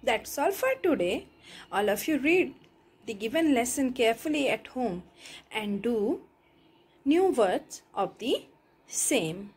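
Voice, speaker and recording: A woman's voice: on the high side, big pitch swings, slow, a little mellow. A woman teacher reading a story aloud to her class and explaining the meanings of words. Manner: clear, explaining word meanings.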